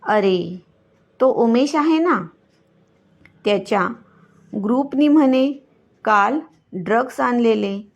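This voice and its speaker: Brief: a scheming young man, read by a woman narrator, teasing and slow. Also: on the high side, lively intonation, creaky, muffled recording, exaggerated voice. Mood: coaxing. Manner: coaxing, teasing banter.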